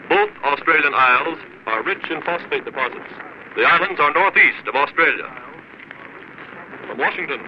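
Man, news announcer, fairly high voice, formal bulletin reading, old muffled radio broadcast, heavy hiss. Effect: old archival radio broadcast sound. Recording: dull noisy 1940s radio recording.

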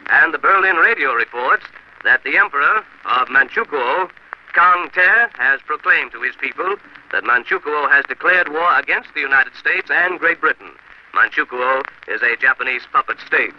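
A man announcing news bulletins in a formal, measured manner, heard through an old 1940s radio broadcast. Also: on the high side. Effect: old 1940s radio broadcast sound. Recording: muffled old radio recording with faint hiss.

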